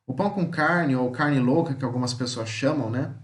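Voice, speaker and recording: A Brazilian man with a Brazilian Portuguese accent, teaching a recorded homeschool lesson in an easy, conversational way. He repeats himself often and checks in with his listeners as he goes. His mid-pitched voice bounces around a roomy, echoing space. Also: moderate pace. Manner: conversational, many filler tags and repetitions.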